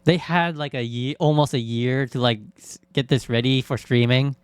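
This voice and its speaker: A man's voice: medium pitch, moderate pace, clean tone, dry recording. A man from Canada doing casual reaction commentary in short, incredulous remarks with some swearing. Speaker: streamer reacting to a video.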